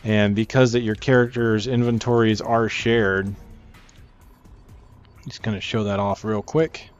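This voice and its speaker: A man walks through a video game with casual commentary as the video's narrator, speaking a little slowly in a fairly low, flat voice. The mic is slightly dull, with game music in the background.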